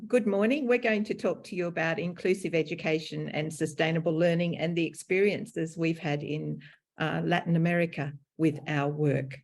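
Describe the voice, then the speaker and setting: This is an Australian woman with a low-pitched voice, presenting to a conference audience. She explains her points in a measured and slightly formal way. The sound is a video-call microphone. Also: a little mellow. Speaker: presenter, teacher educator.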